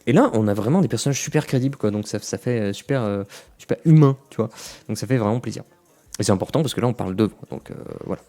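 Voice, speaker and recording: A man's voice: on the low side, lively intonation, fast talker, mellow. Chatty guy reviewing anime. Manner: chatty, rambling, many fillers and restarts; addresses viewers directly. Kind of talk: casual spoken review.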